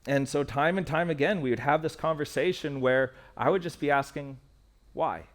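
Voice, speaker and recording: A man delivering a sermon from a church stage microphone, his voice pitched a little high. He speaks earnestly and candidly, turning personal and repeating key phrases for weight. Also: normal speed. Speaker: pastor.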